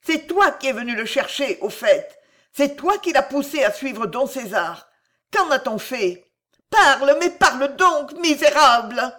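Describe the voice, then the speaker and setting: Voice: mid-range voice, expressive, measured pace, voice pushed up, lightly acted. A reader voicing a proud, passionate young woman in an audiobook, with fierce, pleading outbursts. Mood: furious. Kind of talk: audiobook character voice.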